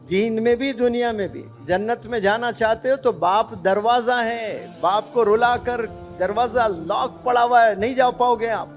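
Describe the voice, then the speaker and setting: A male preacher giving an earnest sermon, putting rhetorical questions to young people. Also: sits high.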